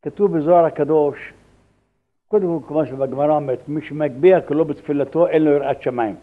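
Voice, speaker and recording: An older man, a rabbi, teaching religious law in a halting way with repeated words, acting out the dialogue in his anecdotes. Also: a little high. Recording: tinny phone-like lo-fi recording.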